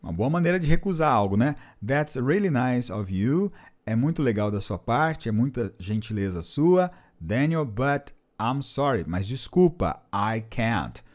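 A man's voice: medium pitch, very animated, a little slow, a little mellow. A man teaching an English lesson, patiently repeating and translating phrases. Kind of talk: explanatory language lesson.

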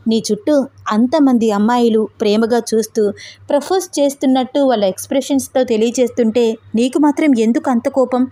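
A woman's voice: on the high side, brisk, mellow, dry recording, lightly acted. A woman playing a teasing, coy young fiancée.

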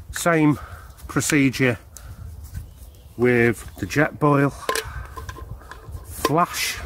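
A man's voice: medium pitch, a little hiss or hum. A man in his fifties, outdoors in a wood, chattily explaining his camping stove gear to a close handheld camera. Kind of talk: casual product demonstration. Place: woodland outdoors beside a hammock.

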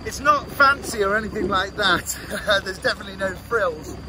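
With a high voice at normal speed over background noise, a British man in his twenties gives a laid-back, slang-filled vlog chat to camera about his travels. He grew up largely in Singapore in Southeast Asia and is outdoors at an open-air bar and roadside in a small town, holding his phone or camera at arm's length.

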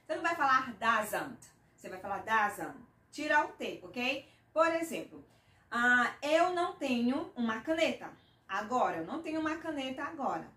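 A woman's voice: high-pitched, bright, forceful tone, far from the mic. Brazilian woman teaching, echoey room. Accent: Brazilian Portuguese. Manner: clear, patient, repeats example sentences slowly. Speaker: English teacher. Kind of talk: explanatory mini-lesson.

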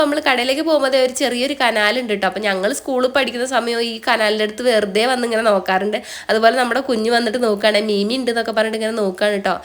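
A young Malayali woman with a blocked, nasal voice from a cold, chatting through a casual voice-over for her vlog. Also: fairly high pitch. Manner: chatty, often ends phrases with a soft tag word. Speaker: vlogger.

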